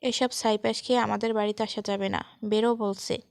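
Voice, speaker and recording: A woman voicing an angry, sharp-tongued young woman who snaps irritably in a storybook reading. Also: mid-range voice, fairly even intonation, a little fast, creaky, no room sound, studio quality, natural voice. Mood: annoyed.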